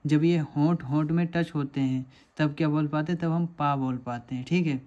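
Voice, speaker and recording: A man's voice: a little high, fairly even intonation, moderate pace, a little mellow, muffled recording. A man teaching a lesson over diagrams, patiently asking questions and answering them himself.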